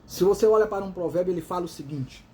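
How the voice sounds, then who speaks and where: A man's voice: high voice, quick pace, dark tone. A man with a Brazilian accent hosting a motivational talk, stressing points by repeating words and asking himself questions he then answers. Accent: Brazilian Portuguese. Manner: emphatic, repeats words in runs, calls the listener "dear". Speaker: host of a motivational series.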